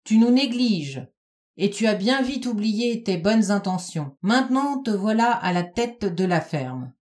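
A woman reading a storybook and voicing an arrogant male rooster with a shrill voice who lectures the pig. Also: animated, measured pace, a little mellow, close to an everyday voice. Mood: lecturing. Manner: preachy, lecturing.

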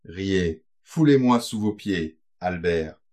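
A man's voice: sits low, animated, slow, a little mellow. A man voicing a young kept woman who begs her lover, plaintive and imploring.

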